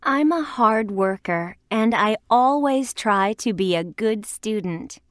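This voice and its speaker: A woman voicing an earnest, hardworking young student in a scripted textbook dialogue, speaking slowly. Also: mid-range voice, expressive, no echo, studio quality. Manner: slow, earnest reading.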